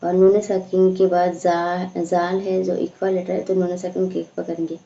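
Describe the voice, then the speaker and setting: Woman, recitation teacher, patient step-by-step explaining, low flat voice, echoey muffled recording. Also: vocal fry, background noise. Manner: patient explaining, slow drawn-out recited words. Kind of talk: slow step-by-step recitation lesson. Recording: echoey room, dull lo-fi sound.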